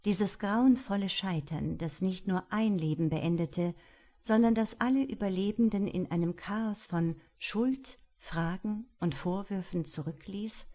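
A woman reading a crime novel aloud as narrator, calm and measured. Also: medium pitch. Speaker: audiobook narrator. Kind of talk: scripted narration.

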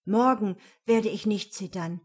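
A woman's voice: mid-range voice, a little slow, a little mellow, close to an everyday voice. A woman voicing a naive young fir tree in a fairy tale, asking earnest, wondering questions.

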